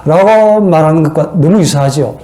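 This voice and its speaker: A man's voice: on the high side, animated, moderate pace, warm tone. A man giving a theology lecture in an earnest, preacherly way, often putting rhetorical questions to his listeners.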